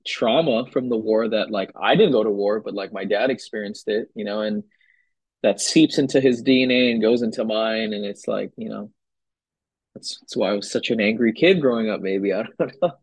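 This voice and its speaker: A young man from Hawaii talks easily in a casual interview, his voice slightly husky and breathy. The sound is close and dry. His speech wanders loosely, full of fillers. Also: on the low side, moderate pace, no room sound, poor audio. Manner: relaxed, loose, filler-heavy talk. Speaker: guest musician. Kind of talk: casual conversation.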